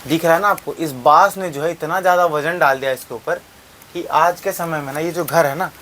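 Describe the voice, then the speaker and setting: A man's voice: a little high, fairly even intonation, a little fast, fairly bright tone, slight background noise. Rambling young man on a house tour. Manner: rambling, repeats phrases, talks to viewers. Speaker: vlogger. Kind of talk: casual vlog tour. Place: old mud house, indoors and outdoors. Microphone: phone camera.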